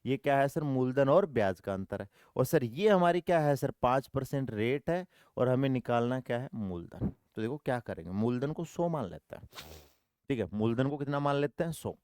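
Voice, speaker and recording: A man's voice: medium pitch, animated, moderate pace, a little mellow, clear, resonant tone, no room sound. A male maths teacher running an online coaching class, repeating each step and answering his own questions, calling students "dear brother".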